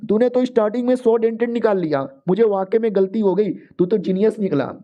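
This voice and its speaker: A man voicing a male sword master who praises and lectures loudly. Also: high-pitched, a little fast, dull audio, pitched above the performer's own voice, lightly acted. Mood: lecturing.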